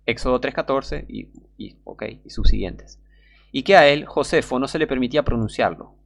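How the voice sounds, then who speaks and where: A man's voice: mid-range voice, expressive, moderate pace, vocal fry. A man with a Rioplatense Spanish accent preaching a sermon, reading passages and breaking off into scornful, emphatic warnings.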